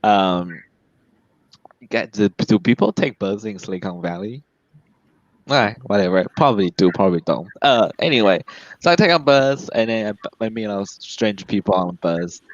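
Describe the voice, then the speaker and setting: A man doing stand-up, his lowish voice leaping up and down with lively swings of pitch. He giggles at his own punchlines. The sound is dry and a little dull, like a lo-fi stream. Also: normal speed, no room sound. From Taiwan. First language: Mandarin Chinese. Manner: laughs at his own jokes, voice jumps high for punchlines. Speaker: stand-up comedian. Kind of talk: stand-up comedy set.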